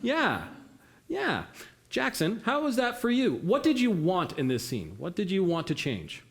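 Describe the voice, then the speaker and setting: A man's voice: sits high, wildly swooping pitch, unhurried. A man leading an interactive theatre workshop, encouraging volunteers and asking the audience questions. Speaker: workshop facilitator.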